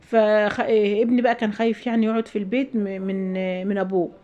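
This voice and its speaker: Fast-talking Egyptian woman, lo-fi sound. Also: mid-range voice, flat delivery, warm tone. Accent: Egyptian Arabic. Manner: rapid chatty venting with advice. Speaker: vlogger, mother. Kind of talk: casual storytelling to viewers.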